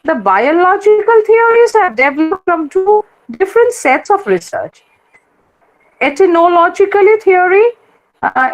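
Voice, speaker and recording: A woman lecturer with an Indian English accent and a high-pitched voice teaches a class on a rough recording. She repeats her points and often checks whether the students are following.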